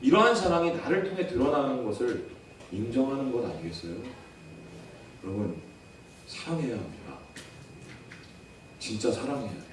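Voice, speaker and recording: A man's voice: medium pitch, lively intonation, moderate pace, long pauses, slight background noise. A man in his thirties preaching a sermon as pastor, earnest and storytelling, asking the congregation rhetorical questions. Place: church sanctuary. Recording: echoey church hall from far off.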